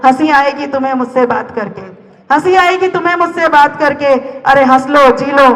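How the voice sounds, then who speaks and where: High-voiced man reciting poetry in a hall. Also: normal speed, fairly bright tone. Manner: declamatory, repeats each line, addresses listeners directly. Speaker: poet performing at a college event. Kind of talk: dramatic poetry recitation to a live audience. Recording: long hall reverb.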